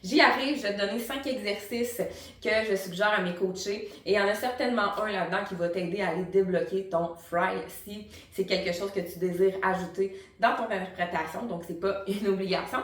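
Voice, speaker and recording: A woman's voice: mid-range voice, brisk, fairly bright tone. A woman with a Quebec French accent giving an informal, encouraging tutorial as a vocal coach, speaking directly to the viewer. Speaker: singing teacher and vocal coach. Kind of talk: tutorial explanation to camera. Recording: roomy echo, distant microphone.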